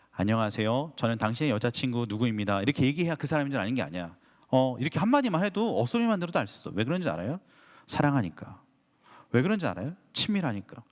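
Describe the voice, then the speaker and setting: Animated Korean pastor preaching. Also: male voice, medium pitch. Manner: animated storytelling, acting out his own prayers and frustration; talks to the congregation with frequent direct questions. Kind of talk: sermon to a young adults' service. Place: church sanctuary. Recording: long hall reverb.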